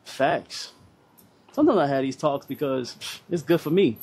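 Husky, higher-voiced man preaching motivation. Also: lively intonation, mellow. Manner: emphatic, preaching, halting with repeated phrases. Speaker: fitness vlogger. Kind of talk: motivational monologue to a live audience online. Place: outdoor balcony deck with workout equipment.

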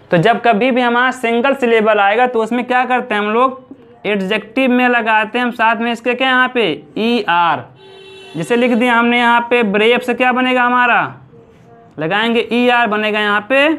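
A man teaching English grammar, asking questions and answering them himself, stretching out example words slowly. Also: very high-pitched, a bit bright, smooth. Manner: repeats points slowly, drawing out example words. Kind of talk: classroom-style grammar lesson.

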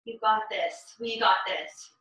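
A woman's voice: on the high side, takes it slowly, sharp tone. A young woman leading a home workout as an urgent, encouraging gym coach, calling short repeated commands and counts while exerting herself. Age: young adult. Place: living room, indoors. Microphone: camera a few metres away. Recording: very echoey room, distant microphone.

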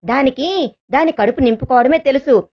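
A woman's voice: high-pitched, brisk, highs cut off. A woman voicing a middle-aged mother who scolds and scorns her daughter-in-law. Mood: scornful.

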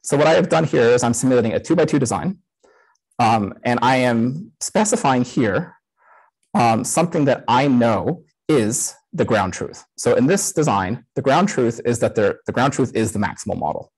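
Speaker, man in his 30s, husky voice that moves around a lot in pitch; relaxed live-coded talk through a headset. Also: normal speed, poor audio. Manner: casual, many "um" fillers. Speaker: conference speaker.

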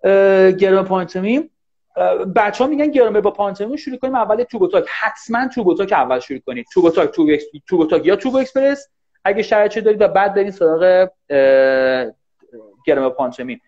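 Fast-talking male teacher on a dull livestream. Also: sits high. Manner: fast, animated, thanks commenters often. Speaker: English teacher. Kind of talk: live online class, casual teaching chat.

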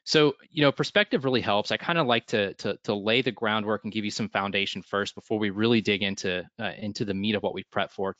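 Male presenter, lowish voice, loose and chatty with lots of fillers; dry, muffled call audio. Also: a bit bright, dry recording. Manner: casual, many ums and restarts. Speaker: webinar presenter.

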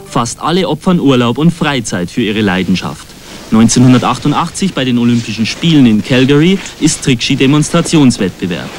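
Male sports-report narrator, measured scripted read, medium pitch, music underneath. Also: animated. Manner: measured, informative voice-over. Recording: voice-over with music bed.

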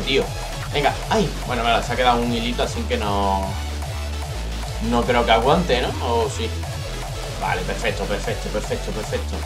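A young man from commenting live on his own mobile game match, swearing freely, shouting when things get tense and talking to his viewers directly. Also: medium pitch. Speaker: gaming YouTuber. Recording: game music behind the voice.

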